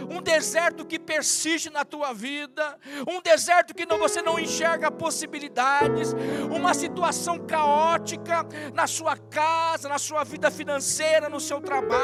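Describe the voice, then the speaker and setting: A male pastor preaching a sermon to a live congregation, stacking long repetitive lists and dropping from loud to hushed. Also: extremely high pitch. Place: church service with live congregation.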